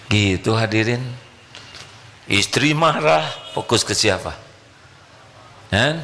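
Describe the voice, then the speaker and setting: A man's voice: fairly low pitch, expressive, slow pace, bright, forceful tone, a little hiss or hum. A male preacher, giving a sermon and playfully quizzing his audience. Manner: playful, questioning the audience directly.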